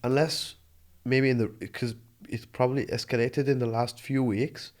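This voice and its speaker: With a medium-pitched, slightly mellow voice, flat delivery, and normal speed, a Jordanian man in his twenties tells his story in a casual interview in Australia. He's earnest and reflective as a guest, with frequent restarts.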